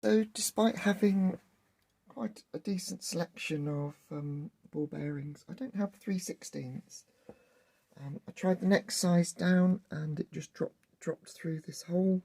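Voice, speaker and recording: A hobbyist with a wheezy, husky voice narrates workshop work casually. The delivery is halting and full of thinking aloud, with a gravelly creak from a sore, hoarse throat. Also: medium pitch, mellow, dry recording. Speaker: host of a hobby workshop channel.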